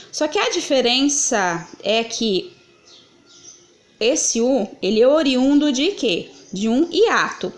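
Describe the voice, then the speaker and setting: A woman explaining grammar answers as a teacher, patiently asking questions and answering them herself. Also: sits high. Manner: patient, asks and answers her own questions. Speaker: Portuguese teacher.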